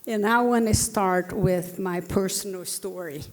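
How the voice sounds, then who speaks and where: In a hall with long reverb, a panelist in her sixties from Brazil recounts a personal experience earnestly, her Brazilian Portuguese accent showing and her speech marked by fillers and restarts. The voice is mid-range with fairly even intonation and a slightly slow delivery.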